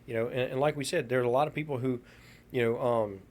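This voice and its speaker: A man's voice: medium pitch, fairly even intonation, quick pace. Reassuring man in a podcast chat. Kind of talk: supportive conversation.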